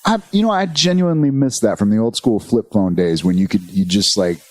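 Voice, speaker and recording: A man's voice: on the low side, fairly quick, dry recording. A man co-hosting a podcast, rambling and swearing casually as he tells stories and acts out quotes. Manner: rambling, profane, animated storytelling; slips into quoted voices. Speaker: podcast co-host. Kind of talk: casual chat.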